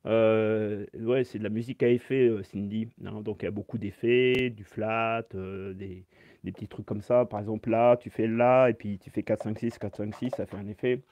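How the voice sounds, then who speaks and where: A man's voice: fairly low pitch, steady tone, moderate pace, darkish tone. A man teaching saxophone in a live-stream Q&A, explaining step by step and answering chat comments aloud through his phone.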